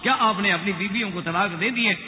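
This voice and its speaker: A man's voice: high-pitched, pushed and bright, a little hiss or hum. An older man from Makkah preaching a sermon, telling a story and chanting verses in Arabic. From Makkah, Saudi Arabia. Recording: echoey hall with long reverb.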